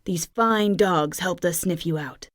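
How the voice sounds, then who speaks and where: A woman's voice: fairly low pitch, measured pace, no echo, lightly acted. A woman voicing a sour, reserved cat father who speaks in a dry, grudging way.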